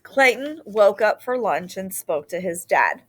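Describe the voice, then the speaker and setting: With a measured pace and a mid-range voice, a woman tells the story of a children's picture book, reading it aloud expressively.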